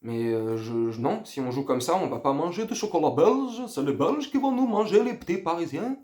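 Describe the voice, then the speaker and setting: This middle-aged man's voice is a little high and slightly mellow, with big pitch swings and a moderate pace. Talking to viewers as a football fan after the match, he rambles and hesitates in casual slang, plainly underwhelmed and unenthusiastic.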